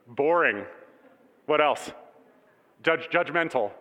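A man preaching a conversational sermon, casual and animated, asking the congregation questions. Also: on the high side, slow pace. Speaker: pastor. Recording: long hall reverb.

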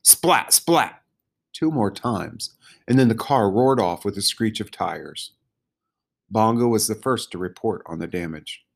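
Brief: low-pitched male audiobook narrator with a calm, measured reading. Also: vocal fry. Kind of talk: storybook narration.

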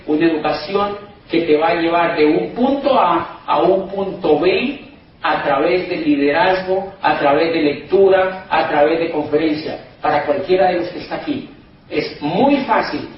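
Emphatic high-voiced man in an echoey hall. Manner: emphatic, repetitive, keeps addressing the crowd as "señores". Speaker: motivational business speaker. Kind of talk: persuasive speech to a live audience. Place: event hall in Madrid. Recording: very echoey hall, distant mic, dull sound, faint noise.

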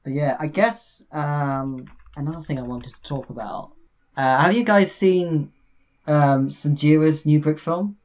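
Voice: medium pitch, measured pace, a little mellow. A podcast host chatting casually, hedging with lots of fillers. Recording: dull lo-fi mic.

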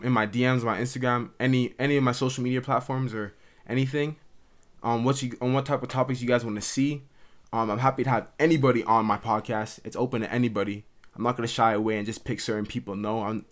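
A man's voice: medium pitch, fairly even intonation, fast talker. A young man hosting his own podcast from his mother's house, talking earnestly and ramblingly into the camera, with lots of "like" and restarts. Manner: earnest, rambling, heavy use of "like". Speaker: podcast host. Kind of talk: casual solo monologue. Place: at home in his mother's house, dimming light. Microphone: camera recording.

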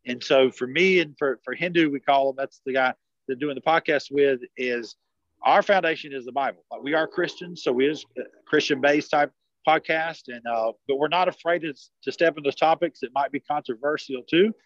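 A man's voice: on the high side, brisk, no echo, highs cut off. A man in his forties from South Carolina with a rural South Carolina accent, a podcast guest talking in a rambling way over a video call. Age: 40s. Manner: rambling, many restarts and fillers. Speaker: podcast guest, network marketer. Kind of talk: casual conversational interview.

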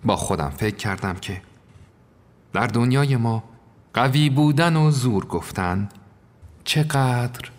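A man narrating a first-person story in a measured, reflective manner. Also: mid-range voice, expressive. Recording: long reverb.

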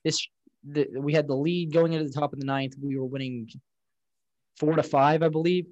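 A man's voice: on the high side, steady tone, moderate pace, darkish tone, no room sound, highs cut off. A man co-hosting a casual sports chat, recapping plays in a rambling way with lots of fillers. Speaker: podcast co-host.

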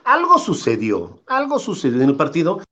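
A man, a former goalkeeper, telling anecdotes in an interview with lively asides. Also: fairly high pitch, moderate pace. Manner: animated anecdotes, quotes the coach in character. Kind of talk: casual interview storytelling.

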